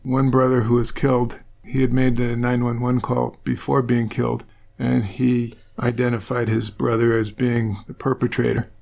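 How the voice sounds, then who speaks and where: A man's voice: medium pitch, little pitch movement, moderate pace, creaky, hardly any pauses, a little mellow. A man co-hosting a true crime podcast, laconic and matter-of-fact as he reads emails and recounts cases. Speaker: podcast co-host. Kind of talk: casual true crime chat.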